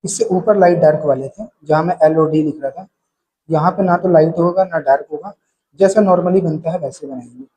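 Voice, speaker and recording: Male shorthand teacher, husky voice, slow drilling delivery, mellow tone. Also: a little high, poor audio. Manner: calls out paired sounds in rhythm for drills. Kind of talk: slow step-by-step lesson.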